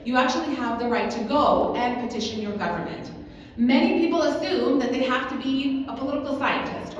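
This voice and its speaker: Her pitch fairly high, a woman raised in Kuwait delivers a persuasive conference talk as an advocacy manager, repeatedly asking listeners "right?". The recording is taken from a distance in a large convention hall, echoey and dull, with slight background noise.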